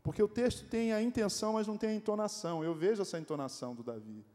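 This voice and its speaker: Animated Brazilian pastor preaching in an echoing church. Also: male voice, high-pitched, fast. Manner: animated, joking, asks the congregation rhetorical questions. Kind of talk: sermon. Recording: echoey church hall.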